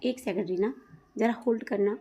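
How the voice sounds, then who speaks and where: Figure: young man, polite but irritated, read by a woman narrator. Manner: hurried, impatient. Tone: warm and mellow. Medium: storybook reading. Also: mid-range voice, vocal fry, husky.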